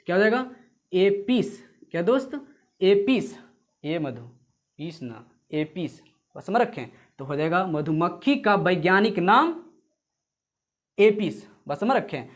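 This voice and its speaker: In an unhurried, expressive voice that sits high, a man teaches exam preparation, repeating each point over and over. Addressing his audience as "friends," he offers memory tricks with humor and short sung snippets.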